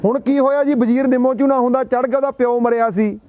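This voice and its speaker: A man's voice: extremely high pitch, steady tone, fast, dry recording, highs cut off. A man with a Punjabi accent addressing a gathering, telling folksy stories and asking rhetorical questions. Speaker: public speaker. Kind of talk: speech to a gathering.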